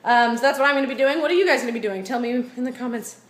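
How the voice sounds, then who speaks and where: A young woman chatting quickly in a casual, unedited vlog from her home, babbling with lots of fillers. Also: high voice. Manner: fast babbling, many fillers. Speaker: vlogger. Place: at home, indoors. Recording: echoey room.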